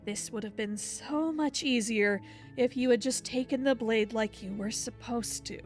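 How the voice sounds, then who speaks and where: A woman reading as a stern, insistent narrator of a dark storybook video game. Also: fairly high pitch, unhurried, soft background music, lightly acted. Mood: stern, dramatic. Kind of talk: dramatic video game narration read aloud.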